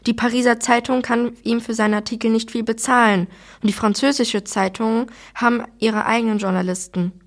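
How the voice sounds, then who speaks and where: A woman reading aloud, voicing a calm, sensible older brother who explains things plainly in a children's novel. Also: fairly high pitch, a little fast, close to an everyday voice. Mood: matter-of-fact.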